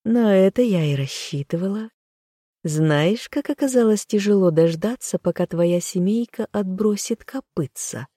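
A woman's voice: mid-range voice, a little slow, dark tone, breathy edge, no room sound, studio quality, pitched above the performer's own voice. Woman putting on a purring, smug noblewoman. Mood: gloating. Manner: purring, giggling, haughty. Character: purring, smug young noblewoman, treacherous friend.

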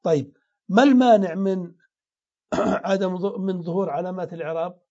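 A man's voice: high-pitched, moderate pace, darkish tone, lo-fi sound. A man teaching grammar in a classroom lesson, explaining step by step and answering his own questions.

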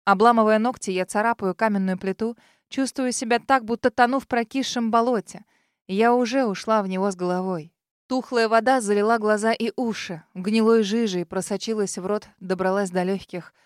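A woman narrating a first-person fantasy audiobook in a dramatic, expressive way. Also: mid-range voice, moderate pace, no room sound, studio quality.

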